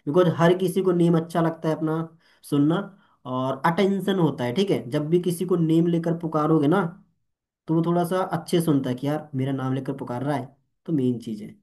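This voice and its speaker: It's a motivational session for network marketers, led by a young man whose Hindi mixes in English and who keeps asking "ठीक है?" and "All clear?" to confirm understanding. He sounds animated, with a fairly high pitch at normal speed.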